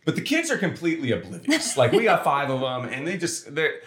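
A man co-hosting a casual podcast with his wife, telling stories in an animated way and acting out voices in quotes. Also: fairly high pitch, brisk. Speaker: podcast co-host. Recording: roomy echo.

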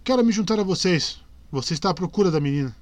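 A man's voice: high voice, lively intonation, fast, dry recording, pitched above the performer's own voice. A man voicing an earnest young male knight who insistently pleads and refuses, in a dry close recording. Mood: pleading.

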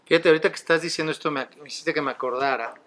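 A man's voice: on the high side, racing, a bit bright. A middle-aged man with a Mexican accent hosting a podcast, telling stories in a chatty, casual way and laughing easily. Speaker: podcast host. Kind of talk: casual conversation.

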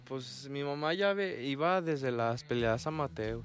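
A man's voice: mid-range voice, lively intonation, measured pace, soft background music. A man with a Mexican accent who boxes, telling stories in a slangy, casual way. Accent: Mexican Spanish. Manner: slangy, storytelling. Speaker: boxer. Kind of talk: casual conversation.

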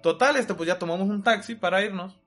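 Fast, bright-voiced young Mexican guy. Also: high voice, soft background music. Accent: Mexican Spanish. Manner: slangy, animated, full of swearing and filler. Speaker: podcast host. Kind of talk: casual storytelling chat among friends.

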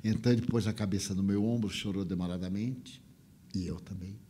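An older man telling a heartfelt story in a spiritual talk, his voice swinging between soft and raised. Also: deep voice, steady tone, fairly quick, slight background noise.

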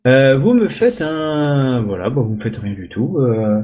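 Game master, male, mid-pitched, halting delivery with many fillers and mouth sound effects. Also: animated, warm tone. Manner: hesitant, lots of filler sounds, makes little sound effects. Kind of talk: narrating a tabletop game.

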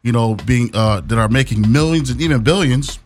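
A man's voice: medium pitch, brisk. A man co-hosting a radio talk show from a studio, talking casually and rambling with many fillers.

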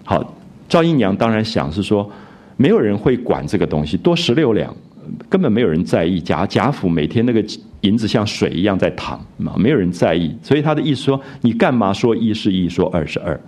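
An older man giving a conversational literature lecture, often adding a drawn-out "ah" and restarting phrases. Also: lowish voice, a little mellow. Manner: conversational, frequent filler "啊" and restarts, quotes characters in raised voice.

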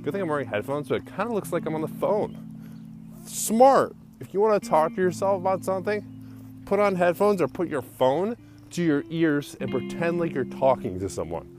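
A man's voice: a little high, lively intonation, normal speed. A young man hosting his own podcast, telling casual stories while walking outdoors, rambling with lots of "like" and frequent laughs. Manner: rambling, full of "like" fillers, laughs often. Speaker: solo podcast host. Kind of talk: casual storytelling monologue. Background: guitar music.

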